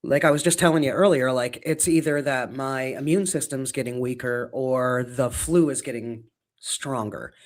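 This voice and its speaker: A man in his fifties co-hosting a casual podcast, speaking reflectively and often pausing on "um" and "you know". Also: mid-range voice. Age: 50s. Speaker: podcast co-host.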